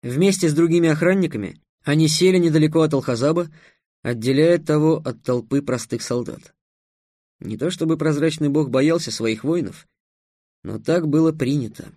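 A man narrating an audiobook in a steady, wry storytelling manner. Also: fairly high pitch, normal speed, no room sound, studio quality. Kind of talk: scripted narration.

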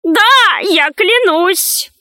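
A frightened little pygmy man, a traitor in a storybook, begs and wails for his life in a high, swooping voice, with a woman acting him out. The delivery is slow, bright and close, with no room sound at all. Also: expressive, dry recording, exaggerated voice. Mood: eager. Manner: pleading, wailing.

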